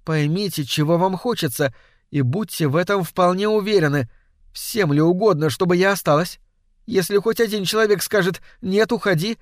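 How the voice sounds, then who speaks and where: A man voicing Death as a soft-spoken young lady, talking quietly and slowly in a measured, coaxing way. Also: high-pitched, no room sound, clean studio sound, pitched above the performer's own voice, close to an everyday voice. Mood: solemn.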